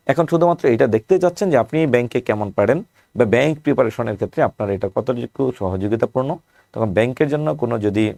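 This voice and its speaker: A man's voice: mid-range voice, vocal fry, a little mellow, no room sound. A man with a Bangladeshi Bengali accent teaching an exam-prep lecture. He works through lists of past questions and asks rhetorical questions as he goes.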